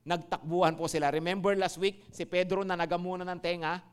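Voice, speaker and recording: Filipino pastor, male, high smooth voice, lively sermon delivery with constant questions to the flock. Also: a little fast. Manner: animated, asks the congregation questions.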